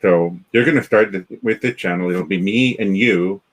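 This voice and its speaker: A man's voice: sits low, normal speed, low-quality recording. A Canadian man talking as a guest on a video-call interview, rambling with many restarts and fillers. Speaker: guest, developer community founder. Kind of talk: casual interview chat.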